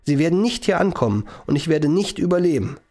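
A man voicing an irritable male professor who invented a time machine, talking in a sharp, lecturing, commanding way. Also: on the high side, very animated, a little fast, voice pushed up.

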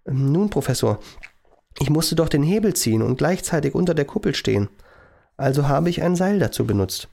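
A man voicing a timid male lab assistant who talks haltingly, full of fillers. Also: a little high, lively intonation, vocal fry, darkish tone. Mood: explaining.

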